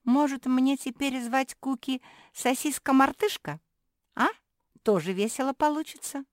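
A woman's voice: high-pitched, no echo, clean studio sound, pitched above the performer's own voice. A woman voicing a naive, chatty young female pug who blurts things out, in a storybook reading. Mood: eager. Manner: eager, blurts things out quickly. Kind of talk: storybook character voice.

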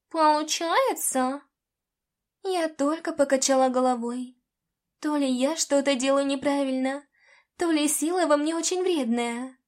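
High-voiced woman reading a fantasy story. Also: darkish tone. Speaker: audiobook narrator. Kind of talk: first-person fantasy audiobook reading.

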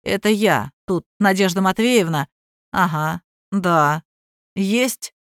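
A woman reader voicing a stolid chauffeur who speaks in an unhurried, matter-of-fact, colloquial way in an audiobook. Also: medium pitch, no room sound, studio quality. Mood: stubborn. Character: stolid male chauffeur, calm and plain-spoken. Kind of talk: audiobook character voice.

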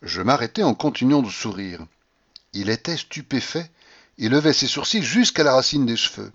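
A man reading a classic novel aloud as an audiobook, with a dramatic, expressive delivery that acts out the scenes. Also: moderate pace, slightly rough, muffled recording. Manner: dramatic, shifts pitch to act out scenes. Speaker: audiobook reader. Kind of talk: expressive literary narration.

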